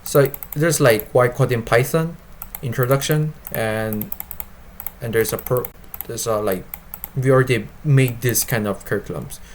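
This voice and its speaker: A man with a mid-pitched voice gives an informal product demo in non-native English. He moves forward haltingly, restarting phrases and rewording them as he explains. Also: a little hiss or hum. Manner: halting, repeats and rephrases phrases. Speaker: developer presenting his web app.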